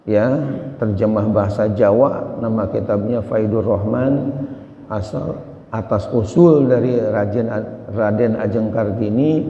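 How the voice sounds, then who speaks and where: A middle-aged man gives a measured religious lecture, leaning on small fillers between phrases. His voice sits low and carries a long reverb through a large prayer hall. The recording itself is dull and lo-fi. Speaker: Quran teacher leading a tafsir study. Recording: echoey hall, dull lo-fi sound.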